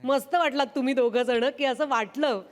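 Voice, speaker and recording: A woman's voice: sits high, moderate pace. A woman giving casual spoken feedback as a judge on a comedy show. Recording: echoing hall.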